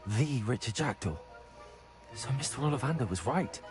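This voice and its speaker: Brief: man playing a curious young wizard hero for a game, animated pitch, game music clearly behind. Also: moderate pace, natural voice. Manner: curious, dry questioning. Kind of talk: video game voice acting.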